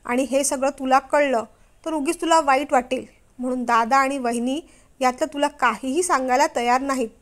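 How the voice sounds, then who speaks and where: Storybook husband, middle-aged, loud stern rebuker, read by a woman, high-pitched. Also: normal speed, lightly acted. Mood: stern, angry. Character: angry scolding husband, middle-aged man.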